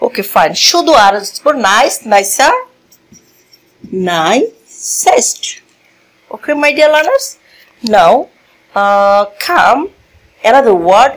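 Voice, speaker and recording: A woman teaching a grammar lesson to a class, moving slowly, repeating key words and asking the learners questions as she goes, switching languages mid-sentence. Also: high voice, fairly bright tone, low-quality recording. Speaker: English teacher. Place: classroom with a board.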